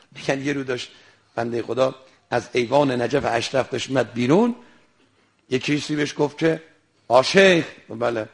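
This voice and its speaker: A man preaching an animated sermon, telling stories and acting out their dialogue, sometimes rising to a shout. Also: mid-range voice, gravelly. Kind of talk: sermon with storytelling.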